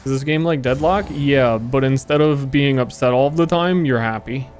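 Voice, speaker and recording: A man's voice: mid-range voice, normal speed, darkish tone, soft background music. Joking, swearing male game streamer. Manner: joking, profane, rambling. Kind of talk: casual gameplay commentary.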